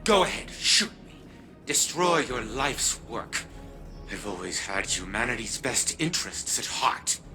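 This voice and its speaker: A man's voice: mid-range voice, big pitch swings, unhurried, sharp tone. A man playing an arrogant, domineering scientist with a god complex in a game, speaking in pompous, condescending oratory. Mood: defiant. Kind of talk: dramatic game cutscene acting. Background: music.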